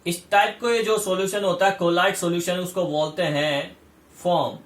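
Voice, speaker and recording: A man's voice: high voice, steady tone, normal speed, a bit bright, reverberant, recorded from a distance. A man giving a chemistry lecture, explaining step by step and repeating key terms as he checks that students follow. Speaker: chemistry teacher. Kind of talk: classroom lecture.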